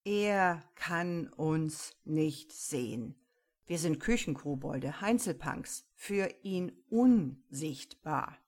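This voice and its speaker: A woman voicing a grumpy, cheeky male kitchen goblin who talks slowly and gruffly. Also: low-pitched, exaggerated voice. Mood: grumbling. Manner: slow, gruff and resigned.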